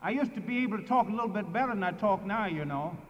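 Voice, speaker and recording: A man with a Lowcountry Geechee accent giving an emphatic, deliberate speech in a preaching manner, with dramatic pauses and repetition. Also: lively intonation, slight background noise. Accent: Gullah Geechee Lowcountry. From Sea Islands of the southeastern United States. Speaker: orator. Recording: dull archival recording, long hall reverb.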